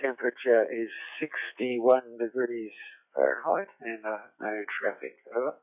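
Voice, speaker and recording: A man from Australia checks in on a ham radio net, his voice coming through a crackly shortwave radio link. The sound is thin and narrow like a phone line, and dry, with no room around it. His pitch sits in a middle range as he reads his call sign in the phonetic alphabet. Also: fairly even intonation, a little slow, dry recording. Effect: heard over a crackly shortwave radio link. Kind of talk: brief formal radio check-in. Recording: tinny narrow radio transmission.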